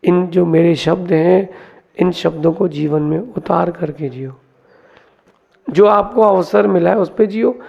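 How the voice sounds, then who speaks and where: A man, a monk, giving a sermon, telling parables in a lively teaching way and mixing in English words. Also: high-pitched, a little slow, vocal fry, slightly rough. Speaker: Jain monk giving a discourse. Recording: dull lo-fi sound.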